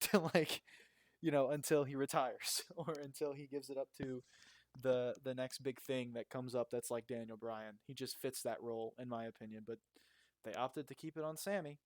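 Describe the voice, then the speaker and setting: A man's voice: medium pitch, no echo, studio quality. A young man co-hosting a casual wrestling review podcast, rambling with lots of fillers and cheerful swearing. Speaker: podcast co-host. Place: makeshift home recording spot.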